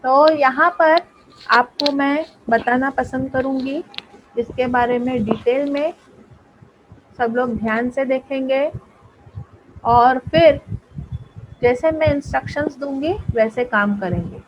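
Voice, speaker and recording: Woman, teacher, high-pitched, slow and patient, mixes in hindi, dull lo-fi class audio. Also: a little hiss or hum. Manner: explains slowly, mixing Hindi and English, checks with pupils. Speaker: English teacher. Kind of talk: online class lesson in Hindi and English.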